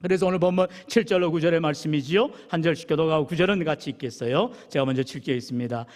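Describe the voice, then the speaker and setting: A man preaching a sermon as pastor, lively and playful, calling on members of the congregation. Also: a little high, quick pace. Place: church sanctuary. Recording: long reverb of a church sanctuary.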